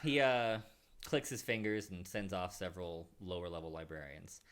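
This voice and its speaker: A man narrating a tabletop role-playing game as game master in a playful, animated way. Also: deep voice, moderate pace, a little hiss or hum.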